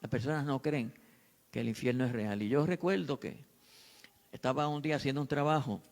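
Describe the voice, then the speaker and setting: A male pastor preaching, telling a testimony with dramatic repetition and building to shouts. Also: mid-range voice, fairly quick. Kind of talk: sermon with testimony storytelling.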